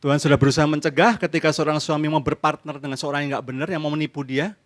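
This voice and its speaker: An Indonesian-accented pastor preaches to a church congregation in a fairly high voice. He questions his listeners and answers his own questions, acts out husbands and wives, and drops English phrases into the sermon. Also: fast talker. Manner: lively, asks the congregation questions and answers them himself; mixes in English phrases and acts out couples' arguments. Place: church service.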